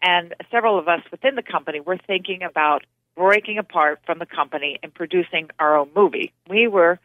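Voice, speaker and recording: A woman's voice: on the low side, brisk, no room sound. A woman film producer, a guest on an interview, recalls her work in a talkative way with frequent restarts, speaking over the phone. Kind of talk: casual interview recollection. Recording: tinny phone line.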